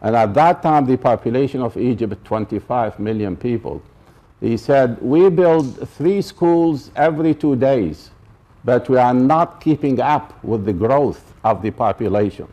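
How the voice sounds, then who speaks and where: Mellow man lecturing. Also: mid-range voice, unhurried, highs cut off. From Iraq. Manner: emphatic, repeats key points, checks that listeners follow. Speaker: professor giving a public talk. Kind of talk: college lecture. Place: college lecture room.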